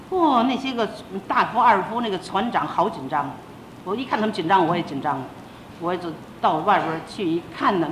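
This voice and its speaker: An older woman, a senior religious teacher, giving a sermon as a personal testimony, telling her story with emotion and acting out the dialogue. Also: a bit bright. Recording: roomy old tape with faint rumble.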